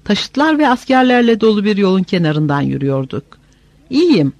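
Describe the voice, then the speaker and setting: A man reads an audiobook in a steady, measured way. His voice is high and moves a lot in pitch. The recording is close and dry. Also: dry recording. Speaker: audiobook narrator. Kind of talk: scripted narration.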